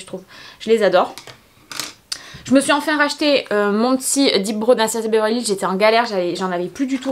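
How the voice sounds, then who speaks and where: A woman's voice: on the high side, a little hiss or hum. A tired young woman, chatting casually through a get-ready-with-me vlog in her bedroom, rambling with many fillers. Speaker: beauty vlogger.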